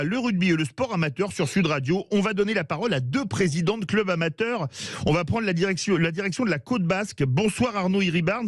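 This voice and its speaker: A man hosting a sports radio talk show, introducing guests and asking questions in a measured way, sometimes correcting himself. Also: high voice, no echo, studio quality. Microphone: studio microphone.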